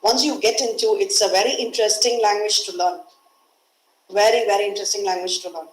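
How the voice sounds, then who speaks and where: Over a video call, a woman with an Indian English accent gives a webinar lecture on English pronunciation, explaining patiently and repeating key words. Her mid-range voice is fairly even in intonation and a little fast, and the recording is rough and roomy with slight background noise.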